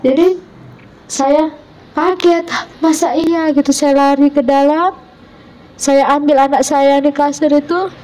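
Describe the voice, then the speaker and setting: High-voiced woman telling her own story. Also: steady tone, measured pace, pauses often, dark tone, recorded from a distance, poor audio. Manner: quotes family members in her own voice, rising high when moved. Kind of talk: emotional personal testimony.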